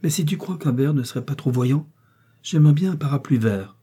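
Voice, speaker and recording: A man's voice: a little high, expressive, fairly quick, husky, voice pushed up. A man reading an audiobook, voicing a humble older mother who speaks timidly and modestly. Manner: timid, soft-spoken.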